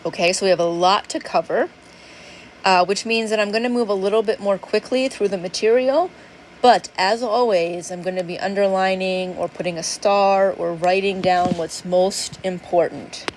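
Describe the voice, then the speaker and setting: A woman's voice: medium pitch, moderate pace, a little mellow, slight background noise, low-quality recording. Chatty woman lecturing on nutrition. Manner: casual, chatty, apologetic about yawning. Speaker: instructor. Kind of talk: recorded lecture.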